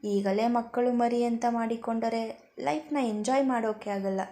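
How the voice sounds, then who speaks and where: A woman's voice: fairly high pitch, fairly even intonation, measured pace, warm tone. A woman voicing a playful young newlywed husband who teases and coaxes his wife, in a storybook reading. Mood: teasing. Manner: teasing, coaxing.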